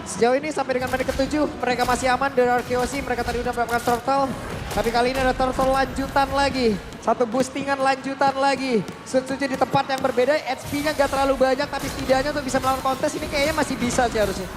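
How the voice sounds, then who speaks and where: Fast, high-voiced Indonesian male esports caster. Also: little pitch movement, music in the background. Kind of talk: live esports commentary.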